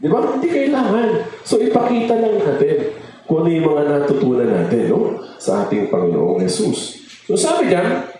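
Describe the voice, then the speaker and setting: A man's voice: on the high side, big pitch swings, normal speed, dark tone. A man giving a conversational sermon as a lay preacher, joking and often prompting the congregation for amens. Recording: very echoey hall with faint noise.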